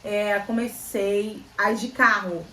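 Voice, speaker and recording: A woman's voice: medium pitch, flat delivery, slow, pushed and bright, a little hiss or hum. A young woman vlogger from Brazil, chatting casually and telling a story, repeating phrases for emphasis. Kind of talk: casual chat. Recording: roomy, slightly distant, faint ambience.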